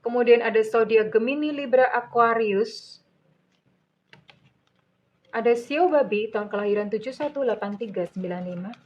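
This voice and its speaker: Speaking with a Javanese-influenced Indonesian accent, this middle-aged tarot reader calls herself Bunda and soothingly addresses her viewers as "dear." Her voice is a little high and a little mellow, moving at a moderate pace with long pauses, and the audio sounds muffled.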